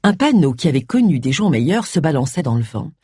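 An audiobook narrator reading a novel with an expressive, varied delivery. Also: medium pitch, a little fast, slightly rough, dry recording, studio quality.

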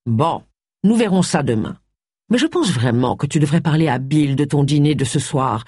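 Un lecteur de livre audio fait parler un homme, ami taquin et attentionné, sur un ton calme. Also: male voice, on the high side, moderate pace, breathy edge, no room sound, clean studio sound. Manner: teasing, reassuring. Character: man, an affectionate teasing friend. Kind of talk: audiobook character voice.

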